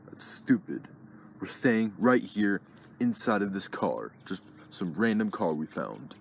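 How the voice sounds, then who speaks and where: A man's voice: deep voice, big pitch swings, unhurried, gravelly, slight background noise, exaggerated voice. Tumbles, a man doing a bossy plush toy. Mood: scolding. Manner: scolding, exasperated. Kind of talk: plush toy puppet skit.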